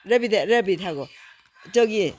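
A woman's voice: medium pitch, animated, unhurried, a little mellow. An older woman, a grandmother, reading a picture book aloud to a small child in a playful, coaxing way, imitating animal sounds.

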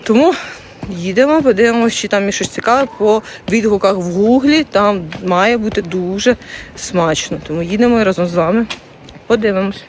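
A woman's voice: medium pitch, fairly quick, slight background noise. A woman from Ukraine chatting casually to her viewers in a family vlog, recorded in a car on the road. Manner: chatty, talks straight to viewers. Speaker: family vlogger.

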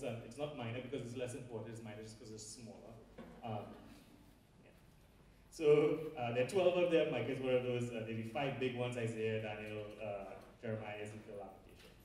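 In a large, very echoey lecture hall packed with people, a preacher from Trinidad gives a conversational sermon, his mid-range, slightly mellow voice marked by a Trinidadian accent. He uses fillers and asides, and the recording captures him from far away.

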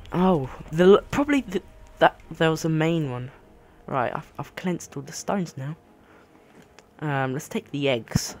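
Slow, rambling male gamer. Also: on the high side, a little hiss or hum. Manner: rambling, easily amazed, casual. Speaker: gamer commentating a playthrough. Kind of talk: let's play commentary.

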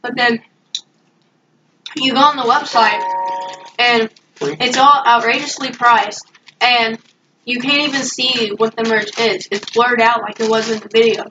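A woman's voice: fairly high pitch, steady tone, a little slow, pauses often. Teen girl chatting from across the room. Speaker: friend on the show. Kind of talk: casual chat. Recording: distant, muffled, noisy home recording.

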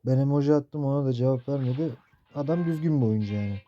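A young man in his late teens giving casual gameplay commentary, cursing and blurting out excited reactions as he plays. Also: mid-range voice, fast, dull audio, slight background noise. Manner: profane, excitable outbursts while playing. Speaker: mobile gaming youtuber.

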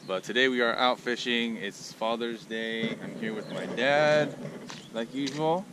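A middle-aged man with a Southern Californian accent hosts a casual fishing vlog at a lakeside park, speaking unhurriedly in a mid-range voice. He's laid-back and chatty, with excited bursts when fish bite, recorded on an action camera mic with clear outdoor background noise.

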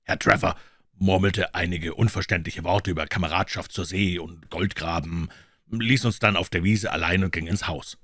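A husky, low-voiced man reads a classic story aloud as an audiobook. His delivery is measured and forceful. The sound is dry and close, with no room around it. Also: fairly even intonation, no echo. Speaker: audiobook reader.

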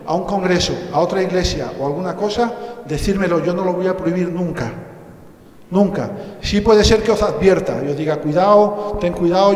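A man's voice: sits high, darkish tone. A man from Spain preaching a sermon as pastor, telling humorous stories and acting out the dialogue. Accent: Spanish from Spain. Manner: storytelling, jokey asides, acts out dialogue. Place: church hall. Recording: echoey hall with long reverb.

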